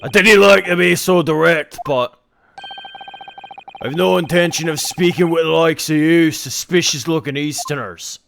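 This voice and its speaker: Brief: a man doing a loud, gravelly Scottish governor, hostile and bullying, blustering, high and forceful. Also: measured pace. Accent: Scottish put-on. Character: gruff bigoted male prison governor, middle-aged. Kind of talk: amateur game voice-over.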